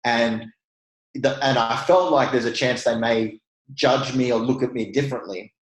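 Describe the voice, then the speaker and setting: A man's voice: medium pitch, normal speed, echoey room, poor audio. A man with an Australian accent, a real estate investor chatting as a guest in a casual interview, laughing easily and restarting his sentences.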